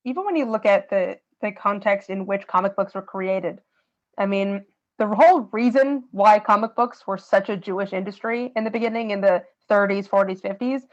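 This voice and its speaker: A woman co-hosts a casual podcast discussion and explains her points thoughtfully and at length. Her voice sits in an ordinary middle register. She talks in a relaxed, conversational tone. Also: mid-range voice, moderate pace, dull audio. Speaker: podcast co-host.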